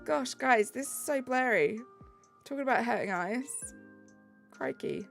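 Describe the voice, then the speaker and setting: Her high, expressive voice comes at a measured pace and has a creaky edge. She's a British game streamer who chats casually and reads out viewer messages bubbly-style, over light background music.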